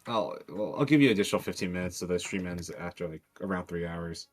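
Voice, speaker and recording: A man's voice: deep voice, fast, faint music behind. A man who develops a game mod, chatting loosely on a stream with lots of fillers and casual swearing. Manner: rambling, loose talk full of fillers and swearing.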